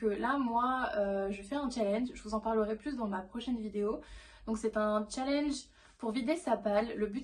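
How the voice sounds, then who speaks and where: A woman's voice: fairly high pitch, darkish tone. A young woman vlogging in a casual, chatty way. She rambles and talks enthusiastically, with many fillers and restarts. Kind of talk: casual vlog chat.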